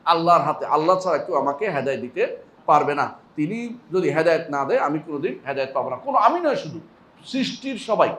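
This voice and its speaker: A man's voice: fairly high pitch, sing-song, fast, fairly bright tone. A man with a Bangladeshi Bengali accent giving a sermon on hadith in a mosque, reciting Arabic verses and asking the audience rhetorical questions. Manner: asks the audience rhetorical questions and answers them; recites Arabic verses, then explains them. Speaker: Islamic scholar giving a weekly lesson. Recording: echoey mosque hall.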